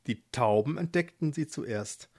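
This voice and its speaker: A narrator reading a fairy tale aloud at a slow, measured pace. The reading is expressive, and the pitch rises and falls in wide, lively arcs. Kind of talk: storybook reading.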